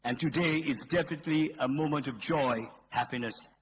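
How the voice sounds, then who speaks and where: A man's voice: fairly high pitch, a little fast. Echoey Sri Lankan male ceremony announcer. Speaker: master of ceremonies. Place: large ceremony hall. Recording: echoey hall PA with noise.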